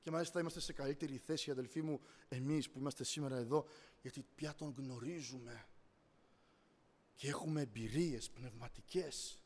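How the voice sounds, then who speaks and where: A man preaching a fervent sermon, dropping to quiet talk, then rising to shouted calls to the congregation. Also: mid-range voice, big-room sound. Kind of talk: Pentecostal-style sermon. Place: church hall.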